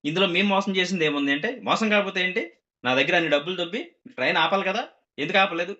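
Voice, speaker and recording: A man's voice: high-pitched, racing, bright, forceful tone, highs cut off. A man telling a comic story to a group, acting out the characters' quoted lines.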